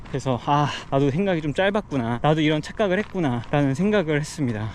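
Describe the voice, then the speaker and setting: Male fitness vlogger, slightly high voice, explaining casually while running outdoors, faint street noise. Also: darkish tone. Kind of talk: casual explanatory vlog talk.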